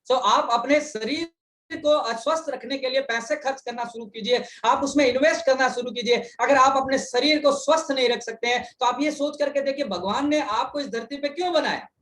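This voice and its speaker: A man's voice: very high voice, a little fast, fairly bright tone. A man interpreting a speaker's words in consecutive interpretation, restating each point fluently and in full over a video call.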